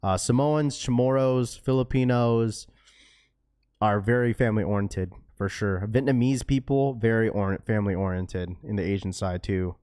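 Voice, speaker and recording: His lowish voice is clear, resonant and a little mellow, moving at a moderate pace in a studio-quality recording free of room sound. This Washington state livestream host, a young-to-middle-aged dad with a schoolchild daughter, reads chat and talks easily with viewers, saying "bro", "dude" and "like" constantly.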